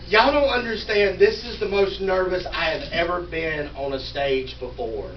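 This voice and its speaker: A man in his thirties works a small crowd, joking at his own expense and teasing the people up front. His voice sits high for a man. The live recording is roomy and dull, with a steady buzz of ambience behind him. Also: far from the mic, noisy background. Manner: self-mocking, bantering with the audience. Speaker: stand-up comedian. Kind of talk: live stand-up set with crowd work. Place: small indoor venue in a wine store.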